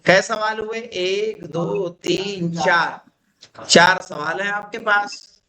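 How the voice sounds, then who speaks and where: High bright-voiced man teaching Arabic grammar. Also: steady tone, slight background noise, low-quality recording. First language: Urdu. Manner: explains patiently, reads Arabic slowly then translates, asks students check questions. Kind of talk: classroom lesson.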